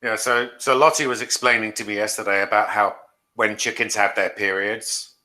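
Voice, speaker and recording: Bright, blunt woman. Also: a bass voice, fairly even intonation, moderate pace. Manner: blunt, sweary, teasing. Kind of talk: casual chat among friends.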